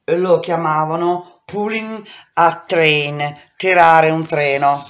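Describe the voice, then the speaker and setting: A woman reading a memoir aloud in an intense, expressive way, shouting out the dialogue. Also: sits low, takes it slowly, roomy sound. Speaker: reader. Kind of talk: dramatic audiobook reading.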